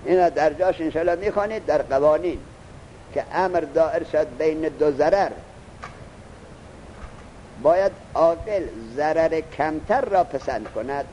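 A man teaching a lesson. He reads the text slowly, explains it, and keeps asking his student questions. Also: on the high side, dark tone, slight background noise, poor audio. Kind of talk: classroom lesson.

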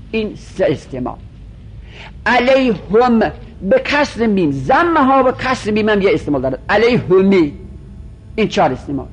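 A man teaching a grammar lesson, going through each form one by one, slowly drawing out the example words and repeating them. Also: high voice, a little hiss or hum. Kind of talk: grammar lecture.

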